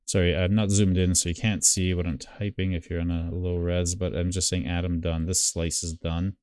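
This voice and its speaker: Very low-voiced man thinking aloud. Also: flat delivery, normal speed, a little mellow, clean tone, no room sound, studio quality. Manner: thinking aloud, many fillers and restarts. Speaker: live stream host. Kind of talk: casual screen-share walkthrough.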